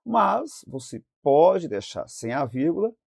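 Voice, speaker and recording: A male teacher from Brazil slowly going over worksheet answers in a recorded lesson, stretching out words as he dictates. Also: a little high, very animated, gravelly, no echo, clean studio sound.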